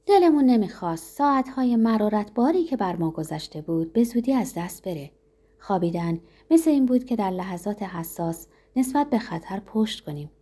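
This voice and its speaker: A woman reads a novel aloud as first-person narration. Her delivery is steady and measured, with a mellow, warm tone and a mid-range pitch. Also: breathy edge. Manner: steady, measured literary reading. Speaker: audiobook reader.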